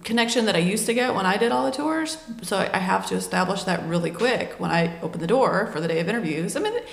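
A woman's voice: mid-range voice, animated, fast talker, vocal fry. A woman who works as a wedding coordinator, chatting casually in a group discussion and laughing easily. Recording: echoey room.

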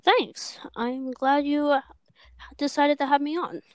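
This Minnesota teen, seventeen years old, is a guest chatting about the animation she makes, leaning on filler words like um and downplaying herself. Her voice sits high and unhurried, captured without echo on a cheap microphone.

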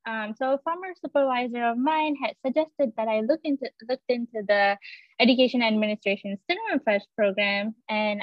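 A woman's voice: fairly high pitch, no room sound, muffled recording. A young woman from Malaysia, a graduate student guest on a podcast, speaking steadily with "um" fillers. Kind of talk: casual interview talk.

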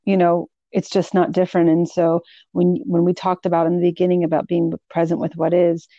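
A woman's voice: on the low side, completely flat delivery, a little fast, dark tone, no echo, dull audio. A woman from Philadelphia hosting a thoughtful conversation, searching for her words as she goes. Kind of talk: reflective conversation.

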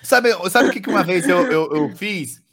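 A speaker chatting casually, telling a story with frequent laughter. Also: mid-range voice. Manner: laughing, lively, slow-paced. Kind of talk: casual chat.

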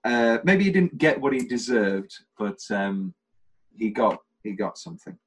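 Husky british guy rambling on a film podcast, jokey, keeps cracking himself up. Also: mid-range voice, big pitch swings, unhurried, low-quality recording. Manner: rambling, jokey, quotes scenes in funny voices. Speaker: podcast host. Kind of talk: casual film podcast chat.

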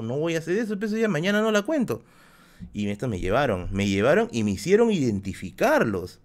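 A man with a Peruvian accent telling a story on a live stream in a casual, slangy, self-mocking way. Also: mid-range voice. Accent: Peruvian Spanish. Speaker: livestreamer telling stories.

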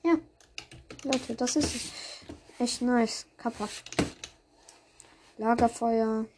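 A woman's voice: on the high side, fairly even intonation, slow. A woman giving casual live commentary on her own gameplay, reacting aloud in short bursts. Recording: clear background noise, keyboard clicks.

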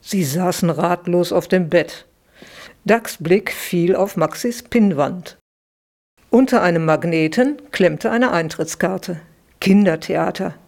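Slow storytelling woman. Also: fairly low pitch, creaky. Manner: slow, lively voices for the children. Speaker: author reading her children's book. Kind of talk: storybook reading aloud.

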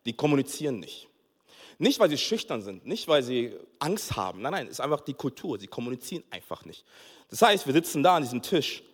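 A man preaching a sermon as pastor, telling a funny family story with lively acted-out dialogue and frequent laughter. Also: medium pitch, fairly quick, breathy edge. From Togo. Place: church hall. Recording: long hall reverb.

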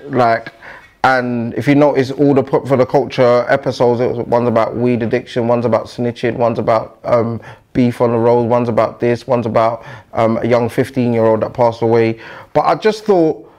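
A man's voice: medium pitch, steady tone, normal speed, darkish tone. A man with a London roadman accent in casual podcast chat, using street slang and frequent tag questions. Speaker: podcaster being interviewed.

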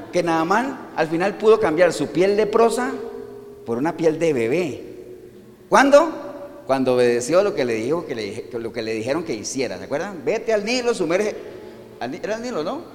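Lively high-voiced man preaching in hall. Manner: calls out questions to the congregation. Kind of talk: sermon. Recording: long reverb in a hall.

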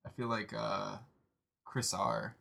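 A man's voice: on the low side, level tone, takes it slowly, gravelly, pushed and bright. A man co-hosting a podcast, chatting casually in a laid-back, rambling way with lots of fillers. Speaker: podcast co-host. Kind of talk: casual chat.

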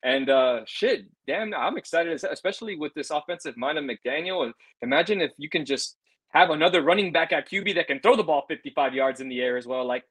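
An excitable man co-hosting a sports podcast, swearing freely. His voice is husky and breathy. The recording is dry and close, with no room sound. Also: a little high, a little fast, no echo, low-quality recording. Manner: excitable, swearing, laughs often. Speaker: podcast co-host. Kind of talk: casual sports chat.

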